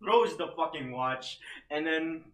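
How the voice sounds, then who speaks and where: A man chatting on a casual gaming podcast, excitable and swearing a lot as he recaps a show. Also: fairly high pitch, takes it slowly, reverberant, recorded from a distance, low-quality recording. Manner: excitable, swears a lot, acts out characters in silly voices. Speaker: podcast host.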